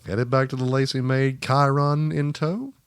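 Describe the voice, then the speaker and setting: A man's voice: medium pitch, steady tone, moderate pace, clear, resonant tone. A man running a tabletop game as game master, playful and teasing his players.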